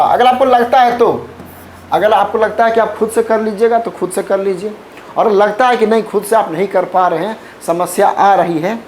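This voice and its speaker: Exam coach, mid-pitch, chatty persuasive pitch to students, faint background hiss. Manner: chatty and persuasive, repeats points and adds "okay?" often. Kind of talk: casual spoken announcement to students.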